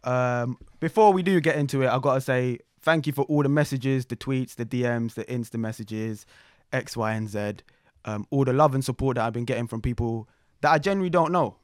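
A young man with a London roadman accent hosting a talk show in animated slangy chat, repeating phrases for emphasis. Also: mid-range voice, brisk, no room sound, studio quality. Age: young adult.

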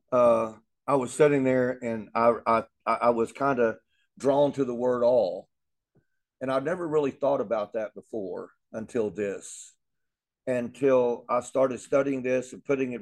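A man's voice: medium pitch, darkish tone. A man teaching a Bible lesson in an earnest way, often repeating words as he thinks aloud.

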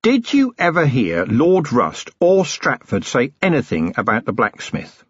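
A man's voice: medium pitch, huge pitch swings, unhurried, slightly rough, no echo, exaggerated voice. A man playing a shrewd, weary male police commander who coaxes patiently with dry irony, in a dry, slightly dull recording. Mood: coaxing. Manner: coaxing, patient, dryly ironic.

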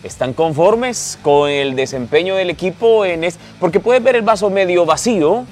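A Salvadoran man hosts a sports talk chat in a fairly high voice. He keeps the talk moving with questions and playful jabs at his co-host, while faint music plays behind him. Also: expressive, moderate pace, a little mellow. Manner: prompting with questions and teasing.

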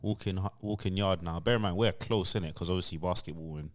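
A man with a low voice and a London roadman accent tells a story casually. His speech is thick with street slang, and he keeps checking that the listener follows. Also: fast talker. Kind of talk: casual chat, telling an anecdote.

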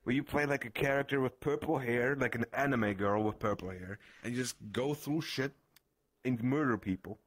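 Teasing man from Germany. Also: medium pitch. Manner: teasing, swearing, halting restarts. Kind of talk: casual chat.

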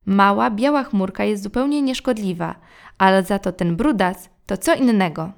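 A woman voicing a worried fishing-boat captain who speaks in gruff, anxious warnings. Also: medium pitch, moderate pace, close to an everyday voice.

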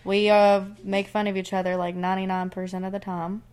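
A woman's voice: medium pitch, level tone, brisk, a little mellow, clear, resonant tone. A woman in her twenties with an Appalachian Tennessee accent, co-hosting a casual podcast in slangy, folksy, sometimes profane talk. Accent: Southern US, Appalachian Tennessee. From Tennessee, United States. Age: 20s. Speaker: podcast co-host. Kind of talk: casual chat.

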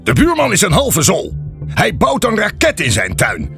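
A man's voice: sits high, wildly swooping pitch, moderate pace, creaky, music in the background, voice pushed up, full character voice. A man voicing a grumpy, indignant father who snaps and splutters in an audiobook story. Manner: huffy, snapping, flustered. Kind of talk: audiobook fairy tale reading.

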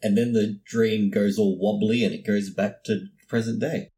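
A man with a fairly low voice co-hosting a relaxed podcast about a cartoon series. He talks in a loose, joking way, drifting between silly tangents and self-mocking remarks. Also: normal speed. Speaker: podcast co-host. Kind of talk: casual chat.

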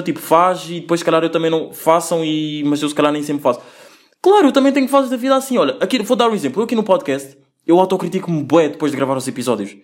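Fast-talking, slangy young man. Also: sits high. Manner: slangy, rambling, lots of swearing and filler. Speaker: podcast host. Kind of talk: casual solo podcast monologue.

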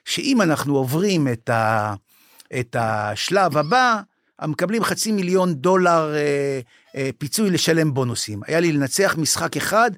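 Older man telling animated stories. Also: a little high, no echo, studio quality. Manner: animated storyteller, acts out quoted dialogue; emotional, says he is moved. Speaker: former basketball club manager, guest. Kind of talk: storytelling in a podcast interview.

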